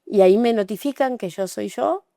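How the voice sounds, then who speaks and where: A middle-aged Argentine woman giving an emotional, halting personal account as an interview guest, with frequent restarts. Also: medium pitch, vocal fry, mellow, no echo, studio quality. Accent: Argentine Spanish. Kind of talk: personal testimony in conversation.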